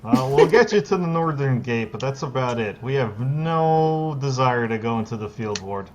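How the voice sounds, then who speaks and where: A wary human city guard, as a game master puts him on, hesitant and apologetic, every word a little reluctant. He sits at an everyday middle pitch, and the sound is dull and lo-fi, like a voice chat. Tabletop role-play. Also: expressive, moderate pace, slight background noise, lightly acted. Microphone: online voice chat.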